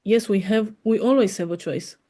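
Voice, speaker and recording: A woman's voice: mid-range voice, normal speed, warm tone. A woman from Denmark, an English speaker co-hosting a podcast, frank and earnest. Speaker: podcast co-host. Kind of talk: casual opinionated chat.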